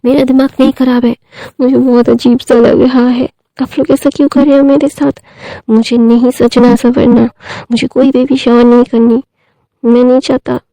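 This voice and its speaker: A woman's voice: on the high side, flat delivery, normal speed, creaky, mellow, no echo, low-quality recording. A woman voicing a moody, pregnant young man who complains petulantly, in a storytelling retelling. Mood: whiny.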